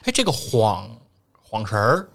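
A man's voice: on the low side, huge pitch swings, measured pace, gravelly, a bit bright. A man with a Beijing accent chatting casually on a podcast in colloquial, erhua-rich speech, often posing questions.

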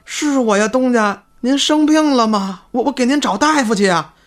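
A man's voice: extremely high pitch, moderate pace, voice pushed up. A man voicing a devoted young male servant who speaks eagerly and earnestly, in a storytelling podcast. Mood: anxious. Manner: eager, pleading.

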